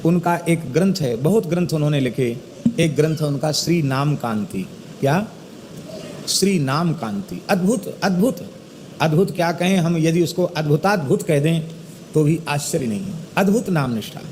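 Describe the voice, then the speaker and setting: A middle-aged man giving a religious discourse, chanting verses slowly and then explaining them with animated emphasis. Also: on the high side. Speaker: spiritual teacher giving a discourse. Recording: echoey hall with faint ambient noise.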